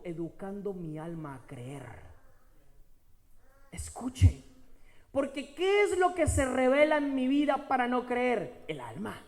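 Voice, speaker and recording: Animated, slow-preaching man in a reverberant hall. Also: extremely high pitch. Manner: slows and stretches key words for emphasis, repeats phrases. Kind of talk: sermon.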